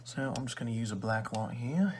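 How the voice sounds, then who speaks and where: A condescending male librarian , acted out by a man, in a soft ASMR ASMR role-play. He has a chummy yet rude salesman's patter and an average-pitched voice. There is some noise and clicking in the recording. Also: a little fast, lightly acted. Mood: casual, pitching. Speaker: ASMR performer.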